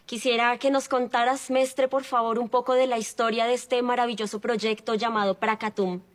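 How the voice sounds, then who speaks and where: A woman's voice: fairly high pitch, little pitch movement, normal speed. A woman, politely and admiringly asking a question at a public talk. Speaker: audience member asking a question.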